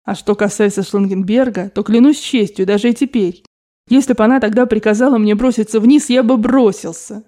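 A woman narrating a novel as an audiobook, reading the first-person text in an expressive, dramatic way. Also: on the high side, a little fast. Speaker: audiobook reader.

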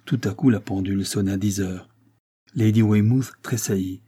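A man with a husky voice reading a novel aloud in a measured storytelling manner. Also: lowish voice, fairly even intonation, mellow. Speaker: audiobook reader. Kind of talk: scripted narration of a novel.

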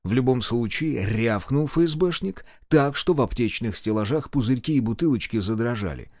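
A male audiobook narrator with a mid-pitched voice and an animated, widely varying intonation. He reads in a scripted, expressive storytelling manner, recorded close and dry with no room sound. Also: no echo.

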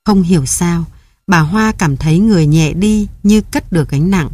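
Low, warm-voiced woman narrating a story. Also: no echo. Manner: measured, even storytelling, reads editor's notes aloud. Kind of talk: scripted audiobook narration.

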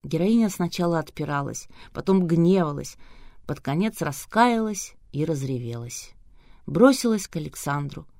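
A woman narrates a novel with lively storytelling. Her voice sits on the lower side and the recording is dry and close. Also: moderate pace, dry recording. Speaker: audiobook reader. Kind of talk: scripted narration.

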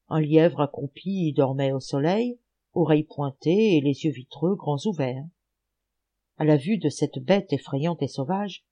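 A woman narrating a folk tale for an audiobook. Her reading is animated and expressive, and her pitch rises and falls widely. The tone stays mellow and dark. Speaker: audiobook reader. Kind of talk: storybook narration.

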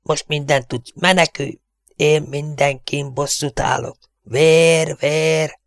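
A man's voice: a little high, fairly even intonation, no room sound, studio quality, voice pushed up, lightly acted. A man doing a wheezing, hissing mad outlaw. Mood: menacing. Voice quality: hoarse hissing whisper, wheezing throat voice. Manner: menacing, cackling, barking. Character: crazed vengeful outlaw father, raspy whisperer.

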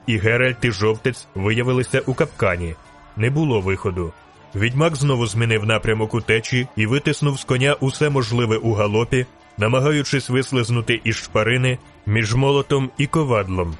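A man reading a fantasy novel aloud in steady, scripted audiobook narration. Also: mid-range voice, a little fast, faint music behind.

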